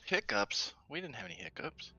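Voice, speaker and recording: A man's voice: medium pitch, very animated, moderate pace, bright, forceful tone, no echo, dull audio. A man chatting bluntly and profanely with friends over voice chat. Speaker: raid group member. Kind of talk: casual voice chat.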